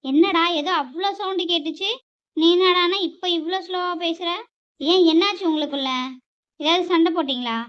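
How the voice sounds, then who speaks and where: A young woman voicing a worried mother who questions her grown son in slow, probing tones. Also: very high voice. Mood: concerned, questioning. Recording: dull lo-fi recording.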